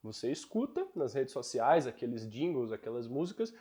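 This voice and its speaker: Animated Brazilian teacher explaining pronunciation. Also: male voice, medium pitch, normal speed. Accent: Brazilian Portuguese. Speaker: English teacher. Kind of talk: online lesson.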